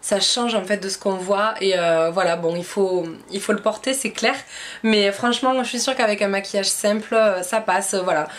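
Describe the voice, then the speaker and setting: A woman's voice: mid-range voice, moderate pace. A young woman with a French accent chatting to camera about her beauty shopping haul, enthusiastic and full of fillers. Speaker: beauty vlogger. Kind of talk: casual haul chat to camera.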